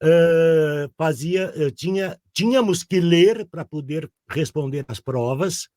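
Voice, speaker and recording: Clean studio audio with no room sound captures a man in his sixties, a southern Brazilian from Rio Grande do Sul with that region's Portuguese accent. He speaks slowly in a darkish, high-side voice, rambling through a casual interview and repeatedly asking the listener "sabe?".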